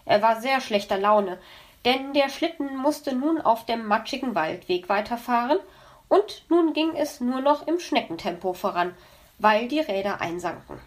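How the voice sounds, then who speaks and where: A woman reads an animal storybook aloud in a lively manner, her voice sitting a little high. She narrates clearly and switches into the characters with ease. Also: unhurried. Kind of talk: storybook reading.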